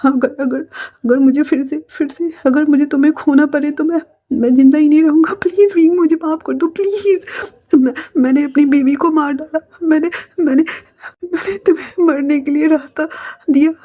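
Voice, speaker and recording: A desperate young man, voiced by a woman breaks into stammering sobs as he pleads. His voice rides high and strained. The recording sounds dull and lo-fi. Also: fairly even intonation, normal speed, lightly acted. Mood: sobbing remorse. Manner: stammering, sobbing pleas. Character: young man, weeping and begging forgiveness.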